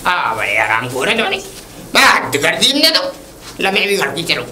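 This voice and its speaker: A woman's voice: fairly low pitch, sing-song, normal speed, pushed and bright, echoey room, a little hiss or hum. Woman playing a scheming old village uncle. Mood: bossy. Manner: talks over others, repeats "listen to me". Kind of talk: rural comedy skit.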